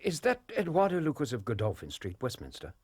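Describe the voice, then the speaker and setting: An actor playing a genial, earnest English gentleman doctor in a period detective drama, polite and proper in manner. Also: mid-range voice, huge pitch swings, a little fast. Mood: grave.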